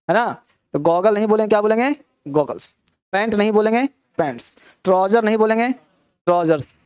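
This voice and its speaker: A man's voice: sits high, a little mellow, clean tone, dry recording. Teasing, scolding male teacher, dry sound. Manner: teasing and scolding, quizzing students with rhetorical questions. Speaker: English grammar teacher. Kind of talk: classroom lecture.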